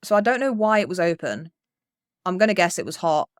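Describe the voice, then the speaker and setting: A woman's voice: fairly low pitch, lively intonation, fairly quick, no echo, studio quality. A young woman telling a rambling childhood story on a podcast, swearing freely and acting out what people said. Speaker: podcast co-host. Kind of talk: casual storytelling.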